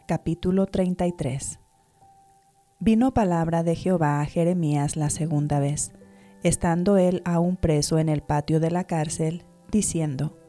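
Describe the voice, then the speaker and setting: A woman giving a measured, steady reading of scripture aloud. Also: on the low side. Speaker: Bible reader. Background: soft background music.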